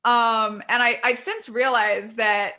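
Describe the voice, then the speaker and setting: Bright-voiced woman telling her story. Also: a little high. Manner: candid, quick, animated storytelling. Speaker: guest author. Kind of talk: conversational interview.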